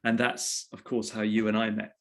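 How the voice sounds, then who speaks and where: A man's voice: lowish voice, completely flat delivery, normal speed, a bit bright. A man, a journalist being interviewed, telling a personal story in a reflective way and often restarting his phrases. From England. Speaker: interview guest, journalist and author. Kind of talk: conversational storytelling.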